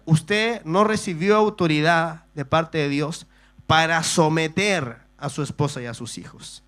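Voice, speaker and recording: A man's voice: fairly high pitch, a bit bright. A male pastor preaching a sermon, often saying amen, asking rhetorical questions and adding homely humorous asides. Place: church service.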